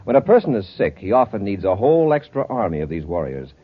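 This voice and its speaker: A man's voice: lowish voice, sing-song, quick pace, slightly rough. A man playing a brave, authoritative space patrol commander in a 1950s radio adventure serial. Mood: earnest. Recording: muffled, lightly noisy old radio recording.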